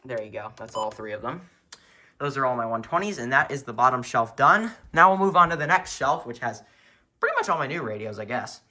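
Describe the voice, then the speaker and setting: His mid-range voice is animated and a little fast, with a bright, forceful tone. The enthusiastic hobbyist casually shows off his weather radio collection at home, narrating from behind a handheld camera without appearing. Faint noise and button clicks run through the audio.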